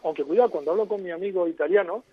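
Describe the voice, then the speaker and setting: A man's voice: high-pitched, very fast, dry recording. A man as a radio guest, explaining at length in an expansive, lecturing way over a phone line.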